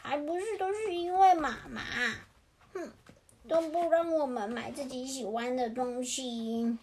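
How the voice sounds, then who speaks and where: A woman voicing a bunch of greedy, pouty little chicks in a bedtime storybook reading, high and eager. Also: unhurried, dark tone, a little hiss or hum. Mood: sulky.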